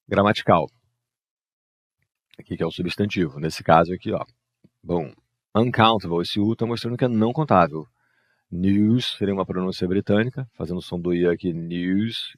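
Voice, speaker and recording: In a dry, clean studio recording, a deep-voiced man works as an English teacher, patiently going through exercise answers over a screen share and often tacking on "né" and "ó".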